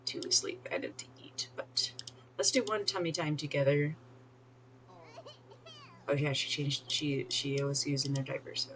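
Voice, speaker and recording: A woman's voice: deep voice, fairly bright tone, slight background noise. A woman streaming a life-sim game, chatting casually, giggling and talking to the characters on screen. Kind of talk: casual gameplay commentary.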